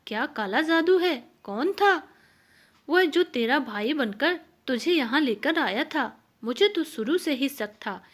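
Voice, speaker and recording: A woman voicing a suspicious, quick-tempered husband in a folk tale, speaking in an accusing, scolding way. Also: high voice, expressive. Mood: angry. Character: suspicious, angry village husband.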